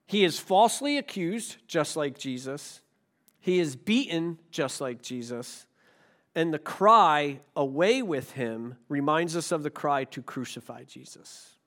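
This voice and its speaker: A man preaching a sermon to a congregation in a conversational way, asking the room questions and swinging between loud stresses and quiet asides. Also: on the high side. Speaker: pastor.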